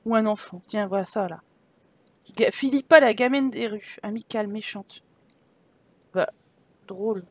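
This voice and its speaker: A woman's voice: medium pitch, a little slow, pauses often, slightly rough, no echo. A woman giving casual, playful commentary while playing a game, reading the quest text aloud, laughing often and swearing casually. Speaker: video game let's-player.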